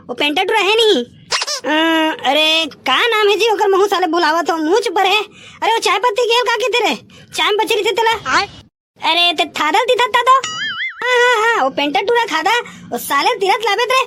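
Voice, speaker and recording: A woman with a very high-pitched voice bosses people around in rowdy, scolding banter. It comes from a comic skit, and a noisy recording hisses behind her. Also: expressive, moderate pace.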